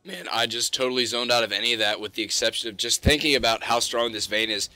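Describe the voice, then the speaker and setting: A young man doing joking live esports play-by-play that bursts into shouted hype calls. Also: medium pitch, fairly even intonation, quick pace, no echo, soft background music. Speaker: esports caster.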